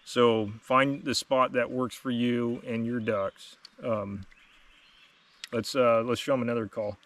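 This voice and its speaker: A man's voice: medium pitch, fairly even intonation, slow pace, fairly bright tone, recorded from a distance. A man giving a casual, plain-spoken instructional product demonstration as host. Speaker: host demonstrating duck calls.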